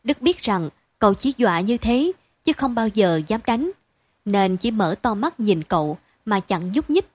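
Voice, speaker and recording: A woman narrating a story in an even, measured reading style. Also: medium pitch, no echo.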